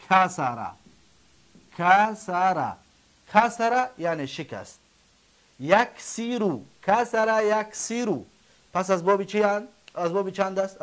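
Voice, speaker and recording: High-voiced Tajik man teaching grammar. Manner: repeats forms slowly, asks and answers own questions. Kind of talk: classroom lesson.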